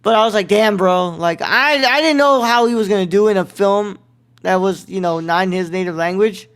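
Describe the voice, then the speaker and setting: A man's voice: sits high, fairly quick, fairly bright tone, smooth. A young man hosting a casual film review podcast, rambling with many fillers and slang like "bro.". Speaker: podcast host.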